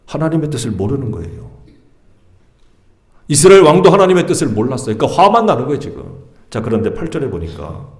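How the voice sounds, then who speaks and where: A man's voice: mid-range voice, big pitch swings, quick pace, darkish tone. A male pastor delivers a dramatic Korean sermon, asking question after question and retelling the story with vivid flair. His voice sits in a middle range. The sound rings through a roomy church sanctuary.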